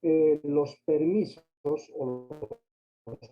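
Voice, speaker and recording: A man's voice: a little high, extremely slow. A man lecturing on accounting over a choppy, crackly microphone line, hesitant and full of fillers and tag questions. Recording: dull lo-fi sound, faint music behind.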